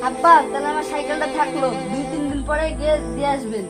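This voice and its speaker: Brief: a woman as a demanding, short-fused young groom in a village drama, voice pitched high, loud music underneath. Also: steady tone, fast, close to an everyday voice. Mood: eager. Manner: blunt and demanding, swears when angry. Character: brash, hot-tempered young village groom. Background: loud background music.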